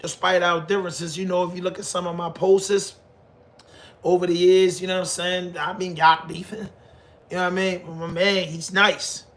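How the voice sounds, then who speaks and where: A man's voice: high-pitched, level tone, moderate pace, a bit bright. A man with a Baltimore accent talking casually to viewers in slangy, profane, emphatic speech, often repeating his phrases. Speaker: online commentator on hip hop. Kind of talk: casual unscripted talk to viewers.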